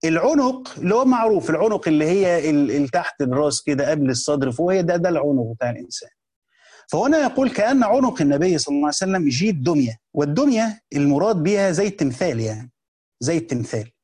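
A man's voice: on the high side, animated, quick pace, darkish tone, slightly rough. A man with an Egyptian accent explaining a classical text in a colloquial lesson, repeating key phrases and restarting words as he goes. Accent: Egyptian Arabic. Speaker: teacher of a hadith book.

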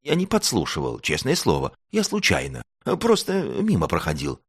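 A man's voice: on the low side, wildly swooping pitch, moderate pace, husky, no room sound, studio quality, voice pushed up, exaggerated voice. A man voicing a bashful little wolf cub in a storybook, mumbling and hesitant. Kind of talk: storybook reading.

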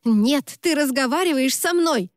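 Young female best friend, shrill and outraged, read by a woman, high-pitched, dry close sound. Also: unhurried, a little mellow, no echo. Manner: indignant, shrieking reproaches.

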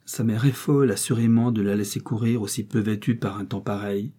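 A no-nonsense middle-aged father in a storybook reading, played by a male narrator, firm and brusque. The voice is husky and dark. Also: fairly low pitch, steady tone, fairly quick.

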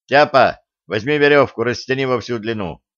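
A man's voice: mid-range voice, normal speed, fairly bright tone, no room sound, natural voice. Firm terse young guy barking short orders, narrator doing him, dull audio. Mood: commanding.

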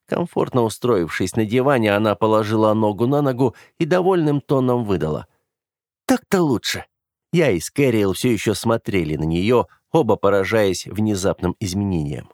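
A man reading a novel aloud in the first person, as an audiobook narrator with a lively, expressive delivery. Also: on the low side, moderate pace, few pauses, dry recording, studio quality.

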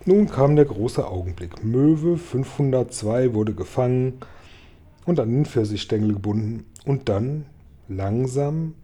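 Storybook narrator, male, very dark warm tone, lively telling. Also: mid-range voice, a little slow, husky. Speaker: audiobook reader. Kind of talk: children's book read aloud.

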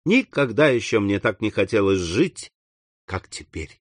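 A man's voice: fairly low pitch, very animated, measured pace, no room sound. A man reading the part of an earnest young man who speaks fervently to his mother in an audiobook. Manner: fervent, eager, raising his voice on key words. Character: earnest young man, devoted proud son.

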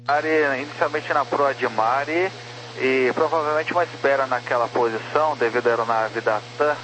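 A clearly noisy radio link with a hum carries a Brazilian man's mid-pitched voice. He is an air traffic controller passing procedural instructions. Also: moderate pace, fairly bright tone. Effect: radio transmission.

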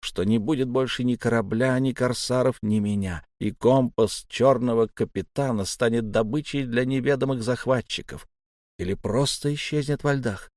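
A man narrating a fantasy novel in the first person, with a measured, steady reading. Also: medium pitch, no echo, studio quality. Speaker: audiobook narrator.

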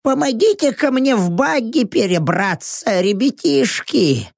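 A man voicing an injured, foul-mouthed old male mechanic who groans and yells curses in a strained, raised voice. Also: extremely high pitch, sing-song, a little slow, creaky, no room sound, clean studio sound, voice pushed up, full character voice. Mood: groaning.

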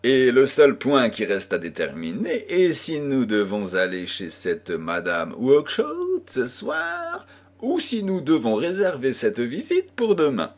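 A man reading an audiobook, voicing a calm, clever detective who speaks in a measured, smooth way. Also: mid-range voice, full character voice. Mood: confident. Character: Sherlock Holmes, calm, clever, confident man.

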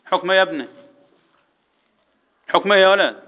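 A man with an Egyptian accent teaching Quran recitation to boys, quizzing them and chanting verses slowly for them to repeat. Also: sits high, muffled recording. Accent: Egyptian Arabic. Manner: drills students with questions, chants verses slowly. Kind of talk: tajweed lesson to boys.

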